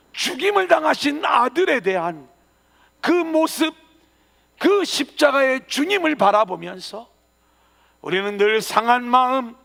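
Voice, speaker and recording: Male pastor, earnest sermon delivery, very high and gravelly, church hall reverb. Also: a bit bright. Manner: earnest preaching with emphatic rising phrases. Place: church sanctuary.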